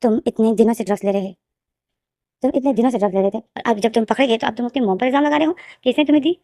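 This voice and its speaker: A stern middle-aged father scolds his son coldly, read out by a woman narrating a story. The delivery is quick and the tone is mellow. The voice sits fairly high. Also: no echo, clean studio sound, close to an everyday voice.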